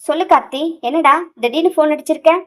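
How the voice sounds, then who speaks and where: A woman's voice: high voice, quick pace, voice pushed up, lightly acted. A woman voicing a hot-tempered young husband who demands answers, in an audio novel. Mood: heated. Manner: shouting, demanding.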